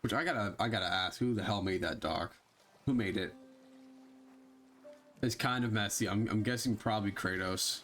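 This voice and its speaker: A man's voice: on the low side, moderate pace, pauses often, a bit bright. A man streaming a game live, chatting casually to himself and viewers, with sarcastic asides and plenty of swearing. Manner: talks to himself while browsing and fiddling. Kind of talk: casual live gameplay commentary.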